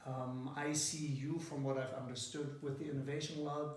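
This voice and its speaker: Leading a student group, an interviewer introduces their interview project to a company team in a casual meeting. His voice is medium-pitched, level, at normal speed, and he speaks hesitantly with many fillers. The room is echoey, with him far from the mic and faint noise.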